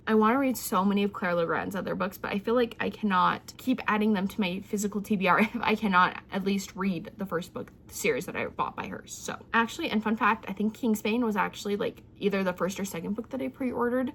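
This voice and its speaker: A young woman talking casually to viewers as a book vlogger, in an excited, rambling, giggly way, keeping her volume down a little. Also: mid-range voice. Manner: hushed, holding volume down for sleeping child. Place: indoors at home. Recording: clear heater hum behind voice.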